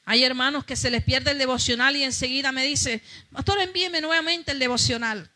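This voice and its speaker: A woman's voice: sits high, pushed and bright. A woman pastor preaching a fervent sermon, calling out to her congregation.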